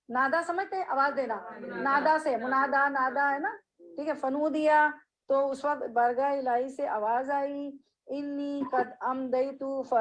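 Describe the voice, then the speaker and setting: A woman teaching a hadith lesson. She reads Arabic phrases slowly, explains them, and asks her listeners questions. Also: a little high, poor audio. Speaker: religious teacher.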